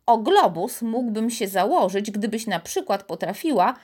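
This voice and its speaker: A woman's voice: medium pitch, lively intonation, moderate pace, a little mellow, slightly rough. A woman voicing a skeptical, stubborn young boy who mocks and gets riled easily. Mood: doubtful.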